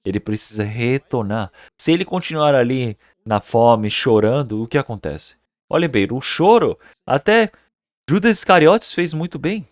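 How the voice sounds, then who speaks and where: A man's voice: mid-range voice, expressive, normal speed, no room sound, clean studio sound. A male pastor giving a Sunday sermon at a church service, earnest and emphatic, often putting rhetorical questions to the congregation. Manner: earnest, emphatic preaching with repeated words.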